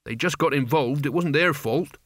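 A man's voice: a little high, moderate pace, a bit bright, dry recording, clean studio sound. Mort, a man doing an earnest young apprentice.

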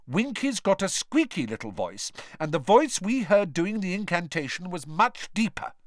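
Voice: medium pitch, big pitch swings, normal speed, no echo, clean studio sound, pitched above the performer's own voice, lightly acted. A reader doing a nervous, determined schoolgirl. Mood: earnest. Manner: earnest, appealing. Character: nervous but determined teenage girl witch.

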